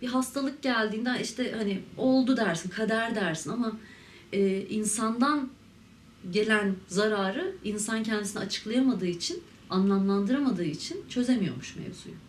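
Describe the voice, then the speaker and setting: A woman in her thirties from Turkey, an interviewee telling her own story in a candid, reflective way with halting fillers. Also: mid-range voice, slight background noise. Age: 30s. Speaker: interviewee, ceramic artist. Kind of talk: personal testimony to camera. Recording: roomy, mic at a distance, faint ambience.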